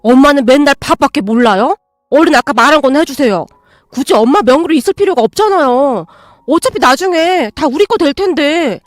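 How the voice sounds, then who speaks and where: A woman voicing a greedy, rude grown son who talks in a loud, demanding way. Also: high voice, moderate pace, hardly any pauses, dry recording, clean studio sound, natural voice.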